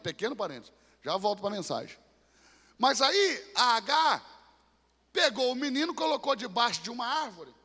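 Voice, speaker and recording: High, bright-voiced preacher in a reverberant hall. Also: male voice. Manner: dramatic preaching, swings from hushed asides to shouted climaxes. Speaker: pastor. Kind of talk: impassioned sermon. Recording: long church-hall reverb.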